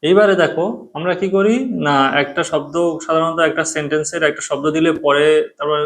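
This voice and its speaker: A man's voice: on the high side, fairly quick, a bit bright. A man who speaks Bengali as his first language, teaching English grammar, patiently explaining in Bengali with English terms and often checking that students follow. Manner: patient, repeats key terms, checks in with "thik ache?".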